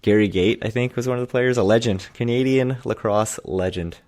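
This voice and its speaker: Deep-voiced dry-humored man co-host. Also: a little fast, a little mellow, no echo. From Prince George's County, Maryland. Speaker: podcast co-host. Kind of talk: casual chat.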